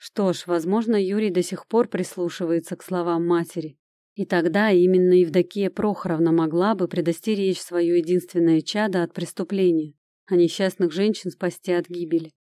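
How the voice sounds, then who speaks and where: A woman reading a first-person detective novel aloud in a measured, even storytelling manner. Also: lowish voice, no room sound, studio quality. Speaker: audiobook narrator.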